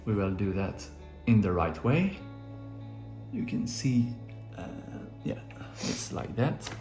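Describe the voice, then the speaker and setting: A man with a French accent walks through an assembly step by step, his pitch rising and falling a lot. He talks slowly and jokes at his own expense. His voice rings in an echoey indoor room with faint music behind. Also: sing-song, darkish tone. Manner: easygoing, jokes at himself, repeats each step in two languages. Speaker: RC model hobby video host. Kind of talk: bilingual step-by-step assembly tutorial.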